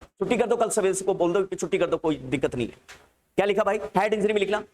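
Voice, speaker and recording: Male teacher dictating slowly to a class. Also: high-pitched, darkish tone, slight background noise. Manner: repeats terms slowly for students to write down; keeps checking that students have understood. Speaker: nursing exam teacher.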